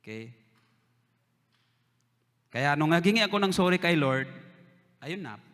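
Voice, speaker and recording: Man, pastor, from the Philippines, sermon, animated storytelling, fairly high bright voice, long church reverb. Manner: lively storytelling, acting out quick exchanges with church members. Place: church sanctuary.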